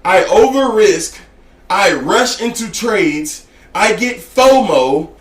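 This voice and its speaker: A man gives blunt, slangy talk about trading, full of swearing and "you get what I'm saying." His voice sits fairly high. The room around him is echoey. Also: animated, slow. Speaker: trading educator. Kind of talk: casual profane trading talk.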